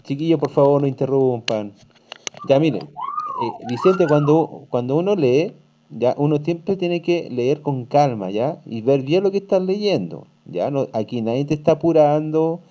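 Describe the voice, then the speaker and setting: A man leads an online lesson, patient and repetitive as he explains a text to his students. His voice is very dark and mellow. The audio sounds dull and lo-fi. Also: fairly high pitch, huge pitch swings, a little slow. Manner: patient, repeats "¿cierto?" and "¿ya?" often. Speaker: teacher.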